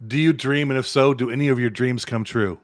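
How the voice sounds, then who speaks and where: A man hosting a casual interview, asking short, quick-fire questions. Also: medium pitch, fairly even intonation. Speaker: interview host.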